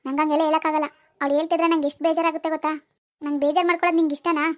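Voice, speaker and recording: A woman's voice: high voice, level tone, very fast, natural voice. A woman voicing a demanding, proud young village woman in a cartoon, scolding and sarcastic as she talks to her boyfriend. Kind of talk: cartoon dialogue voice acting.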